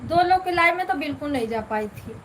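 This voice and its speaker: Chatty high-voiced woman on a live stream. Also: expressive, fast talker. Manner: chatty, greets viewers with devotional salutations. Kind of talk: casual live-stream chat greeting viewers. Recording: noisy phone live stream with vehicle sounds.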